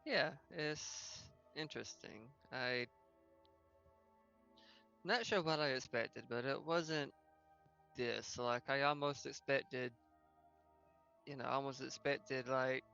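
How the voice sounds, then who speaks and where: A player voicing an awkward, unsure teenage outcast in a tabletop game, speaking haltingly. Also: medium pitch, creaky, fairly bright tone, clear, resonant tone, lo-fi sound, faint music behind. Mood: reflective, unsure. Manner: halting, hesitant. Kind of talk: in-character tabletop roleplay.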